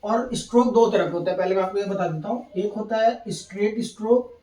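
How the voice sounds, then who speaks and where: A man's voice: high voice, fairly quick, mellow. A man teaching shorthand at a board, patiently repeating each step and checking in with his students. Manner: patient, repeats steps, keeps checking in with "thik hai". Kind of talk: classroom lesson at a board. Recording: echoey room, mic at a distance.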